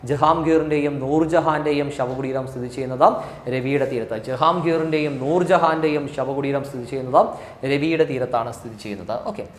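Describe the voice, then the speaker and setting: A male teacher with a Malayali accent giving an exam coaching lecture, repeating key answers slowly for drilling. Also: a little high, reverberant, slight background noise.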